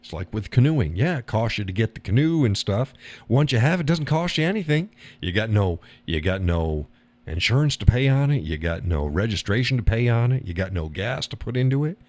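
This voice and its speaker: A man hosts a casual live stream, talking bluntly and rambling, swearing and laughing often, and mimicking other people in a higher voice. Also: big pitch swings, a little fast, a little mellow.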